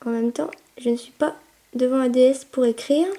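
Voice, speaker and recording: A woman casually talking through a virtual pet game, chatty and excitable, cooing at her puppy and shouting commands. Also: sits high, moderate pace. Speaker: gameplay video maker. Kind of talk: casual gameplay commentary.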